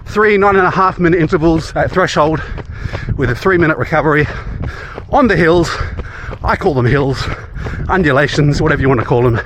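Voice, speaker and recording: A man's voice: fairly high pitch, brisk. An Australian man chatting casually in a running vlog, recorded outdoors. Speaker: running vlogger. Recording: clear outdoor background noise.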